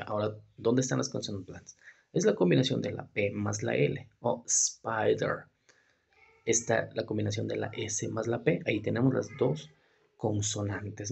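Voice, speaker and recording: Male English teacher, very husky, gravelly voice, patient step-by-step explanations, native Spanish speaker. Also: on the low side, darkish tone. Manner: explanatory, rhetorical questions, checks in with "¿ya?" and "¿no?". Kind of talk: explaining a grammar lesson.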